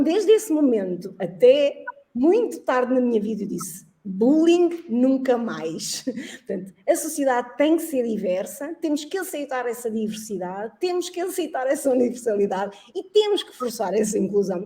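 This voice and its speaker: A woman's voice: sits high, sing-song, normal speed, dark tone. A middle-aged woman from Angola, a guest in an interview, speaking in an earnest, reflective way and laughing often. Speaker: guest, social entrepreneur and teacher. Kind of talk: interview conversation.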